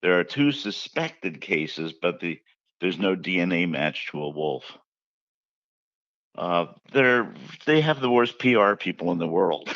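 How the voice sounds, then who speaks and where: A man's voice: low-pitched, very animated, measured pace, fairly bright tone, no echo, highs cut off. A man being interviewed about his book, telling chatty anecdotes and acting out the quotes. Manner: chatty anecdotal storyteller who acts out quotes. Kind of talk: casual interview storytelling.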